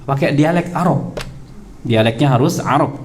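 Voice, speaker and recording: An Indonesian man giving a study lecture to a congregation in a prayer hall, repeating key points and drawing out terms slowly. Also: mid-range voice, a little hiss or hum. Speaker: religious teacher.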